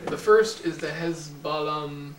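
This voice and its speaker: A man playing an exasperated psychiatrist in a comedy sketch, talking in a deadpan tone. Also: on the high side, slow pace, recorded from a distance. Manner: deadpan, breaking into laughter. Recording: echoey room, off-mic, noisy.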